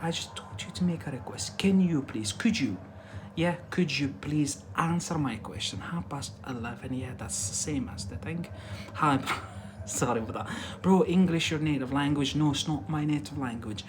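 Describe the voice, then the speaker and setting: At normal speed and with a voice that runs a little high, a man from Algeria teaches English on a relaxed livestream, with some faint noise in the background. Algerian Arabic is his first language. He keeps stressing and repeating points, asking "yeah?" and saying "that's it".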